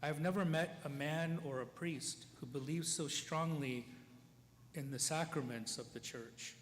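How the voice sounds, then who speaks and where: A priest giving a eulogy at a funeral mass, talking in a conversational way, checking in with the listeners and chuckling between stories. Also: male voice, on the high side, measured pace. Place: church. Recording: long church reverb, faint ambient noise.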